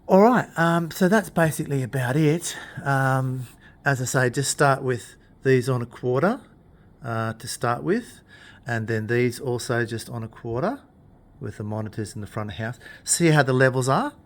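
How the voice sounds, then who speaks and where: In a relaxed tutorial, a man with a mid-range voice walks through PA equipment. He explains everything plainly and without rushing.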